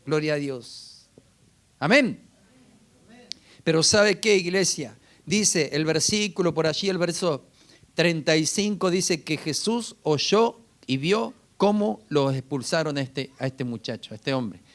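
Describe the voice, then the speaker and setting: Pastor guy, fairly high voice, preaching and firing questions at the church. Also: lively intonation, slow, fairly bright tone. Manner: preaching with rhetorical questions and repeated calls to the congregation. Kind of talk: sermon.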